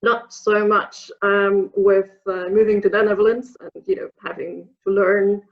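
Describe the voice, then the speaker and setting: A program alumna from Poland, in her thirties, speaks as an interview guest with a Polish accent, giving thoughtful answers broken by fillers and restarts. Her delivery is flat and unhurried at a medium pitch, and the recording sounds muffled.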